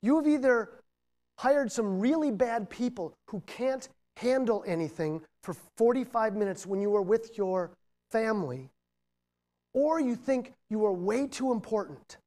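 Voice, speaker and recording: A middle-aged man giving a motivational leadership talk to students. He swings between loud, emphatic points and quiet, reflective asides, with jokey, self-deprecating humor. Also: high-pitched. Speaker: guest speaker on leadership. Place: university lecture room.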